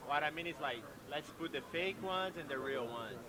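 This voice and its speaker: Man, hesitant, gropes for words, slightly high voice, loud crowd and traffic. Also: moderate pace. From Brazil. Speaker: passerby being interviewed.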